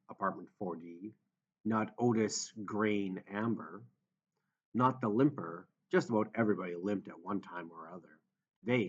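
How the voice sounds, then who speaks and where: A man reading an audiobook in a steady, measured narration. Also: fairly low pitch, breathy edge. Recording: dull lo-fi audio.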